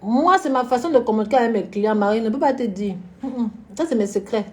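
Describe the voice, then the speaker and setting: A woman's voice: on the high side, fast talker, a little mellow. A woman hosting a casual live stream, chatting frankly about business and answering viewers by name, often laughing. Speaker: florist and event decorator hosting a live stream.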